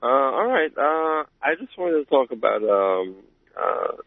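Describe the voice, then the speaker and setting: A man from Albania calling into a radio show, speaking haltingly with many fillers. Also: mid-range voice, sing-song, no echo. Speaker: caller. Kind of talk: call-in radio talk. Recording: tinny phone line on the radio.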